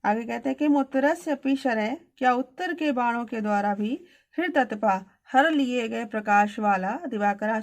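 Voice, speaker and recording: A woman teacher reading Sanskrit verses aloud, then translating and explaining them line by line. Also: on the high side.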